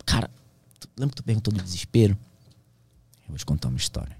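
A man's voice: fairly low pitch, big pitch swings, quick pace, a little mellow, slightly rough. A man, a pilot who is a podcast guest, telling his survival story in a slangy, intense way that sometimes drops to a whisper. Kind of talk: emotional storytelling in casual conversation.

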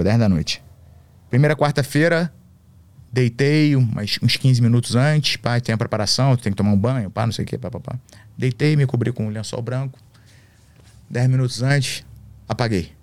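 A man's voice: mid-range voice, moderate pace, pauses often, no echo. A man, a podcast guest and MMA coach, telling a story in slangy, swear-filled casual talk.

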